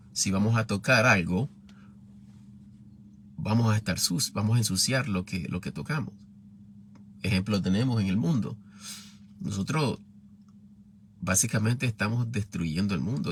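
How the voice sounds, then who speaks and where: A man with a Nicaraguan accent preaching a Bible teaching sermon, measured and often asking the listeners for agreement. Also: sits low, husky, no room sound. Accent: Nicaraguan Spanish.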